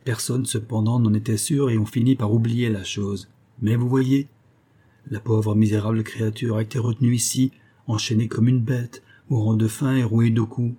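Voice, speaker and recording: A man's voice: medium pitch, flat delivery, moderate pace, mellow, husky, close to an everyday voice. A man reading an audiobook, voicing a stern village blacksmith who speaks with indignation and threat. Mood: indignant.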